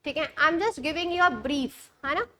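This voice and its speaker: Her voice is high, pushed, and bright, with a little hiss or hum in the recording. A young Indian-accented woman teaching exam-prep English online, she mixes Hindi with English, reads passages slowly, and frequently checks on students with brief questions.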